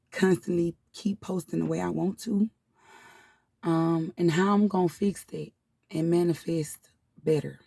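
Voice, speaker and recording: A woman's voice: low-pitched, gravelly, darkish tone, no echo, clean studio sound, distant mic. A woman in her thirties telling her life story in a casual, heartfelt vlog, holding back tears and often calling her viewers "y'all". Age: 30s. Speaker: spiritual channel host. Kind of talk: personal confessional vlog.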